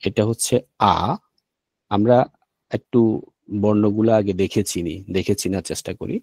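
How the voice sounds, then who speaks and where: A man with a Bangladeshi Bengali accent teaching an online language lesson, slow and patient, repeating each sound. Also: on the low side, a little mellow, no room sound.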